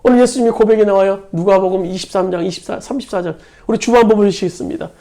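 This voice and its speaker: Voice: medium pitch, quick pace, dark tone. A pastor preaching a sermon in a church, stressing key words by repeating them. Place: church sanctuary.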